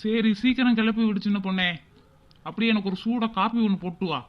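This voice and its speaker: A man playing a gentle father, soothing his daughter and gently chiding his wife. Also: high voice, fairly even intonation, brisk, muffled recording, close to an everyday voice.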